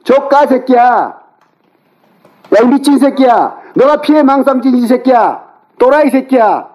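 Man, middle-aged, very high-pitched, yelling, cursing, berating, phone call. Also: measured pace. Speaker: older brother on a phone call. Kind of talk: heated phone argument. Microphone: phone call recording.

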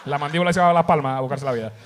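A man with a Canarian Spanish accent, a comedian telling a comic story on a talk show, fast and animated, slipping into voices. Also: a little high, slight background noise. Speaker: comedian guest.

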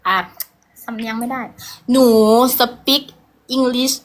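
A woman's voice: fairly high pitch, little pitch movement, extremely slow, a bit bright. A woman playing a flustered Isan village girl. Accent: Isan (Northeastern Thai). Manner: flustered, pleading, stumbling over English words. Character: young flustered village girl struggling with English. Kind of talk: comedy sketch acting.

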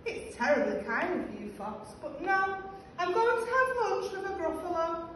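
A woman's voice: very high-pitched, lively intonation, moderate pace, fairly bright tone, pitched above the performer's own voice. A woman voicing a small, polite but boastful trickster mouse in a sing-song storybook manner. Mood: politely declining. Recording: roomy, distant classroom recording, faint noise.

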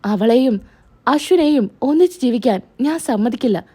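A woman's voice: a little high, lively intonation, normal speed, mellow, breathy edge. A woman voicing a spoiled, scheming middle-aged woman who complains bitterly and vows revenge. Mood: vengeful. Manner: whiny, bitter.

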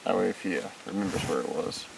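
A man's voice: sits low, fast, creaky. A man chatting with his fishing partner from a small river boat, giving short laid-back replies and jokes, heard from off to the side of the camera. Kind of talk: casual chat while fishing. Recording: distant voice over outdoor water noise.

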